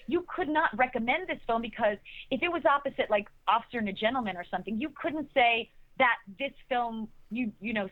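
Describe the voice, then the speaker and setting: A woman's voice: a little high, no room sound. A middle-aged actress answering interview questions, enthusiastic and rambling, often restarting her sentences. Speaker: actress guest. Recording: tinny phone-like line, dry.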